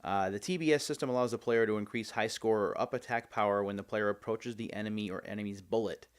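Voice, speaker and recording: A man's voice: fairly low pitch, quick pace, clear, resonant tone. A man hosting a video, giving casual, chatty unboxing commentary and thinking aloud as he goes. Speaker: host of a game unboxing video series.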